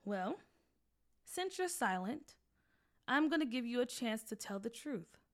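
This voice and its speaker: A woman voices a stern, protective mother who firmly scolds while laying down the rules. Her slightly high, pointed voice is both caring and strict, with a sing-song, probing quality and a slightly slow delivery.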